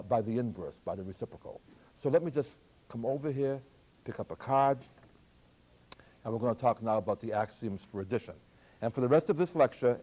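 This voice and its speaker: An older man, a math professor, giving a lively, joking classroom lecture on algebra. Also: medium pitch. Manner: lively, jokey, plays with voice inflection. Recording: archival taped lecture.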